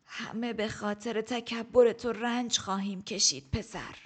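A woman reading an audiobook, voicing a stern old woman teacher who scolds slowly and shouts. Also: on the high side, steady tone, husky. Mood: scolding. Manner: slow, scolding, raises her voice to shouts. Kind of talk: audiobook character voice.

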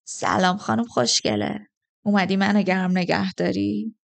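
A woman reading an audiobook, voicing a heavy drunken man who leers in a slow, slurred, coaxing drawl. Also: mid-range voice, steady tone, vocal fry, natural voice. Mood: leering, drunken. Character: drunken leering heavyset man in a tavern street.

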